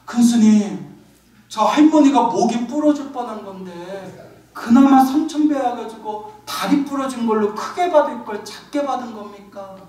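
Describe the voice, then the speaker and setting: A male monk voicing a timid young attendant monk who speaks in a hushed, deferential way. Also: very high-pitched, normal speed. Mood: awed. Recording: echoey hall, distant mic.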